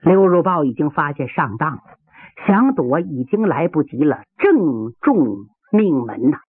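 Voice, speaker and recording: A storyteller narrating a martial-arts duel with theatrical flair, voicing clashes and blows aloud. The delivery is unhurried yet swings wildly in pitch, with a husky grain. It plays over a tinny, dry radio broadcast. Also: big pitch swings, dry recording. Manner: dramatic, vivid sound effects, rhythmic phrasing. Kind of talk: traditional storytelling performance.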